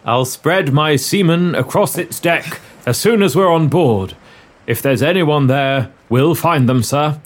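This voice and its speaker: A man playing a dutiful naval commodore in a comic radio play, reading his lines slowly and stiltedly. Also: on the high side. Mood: earnest. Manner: slow, stilted line reading.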